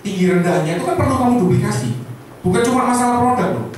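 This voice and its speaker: A man's voice: extremely high pitch, quick pace, slight background noise. A man giving a motivational sales training talk, speaking straight to his audience and firing rhetorical questions at them. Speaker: insurance sales team leader. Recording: echoey room, voice far from the mic.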